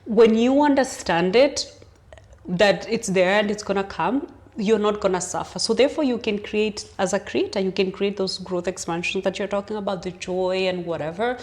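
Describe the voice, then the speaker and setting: A woman co-hosting a podcast, telling stories in animated casual chat with frequent "like" fillers. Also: mid-range voice, moderate pace. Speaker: podcast co-host.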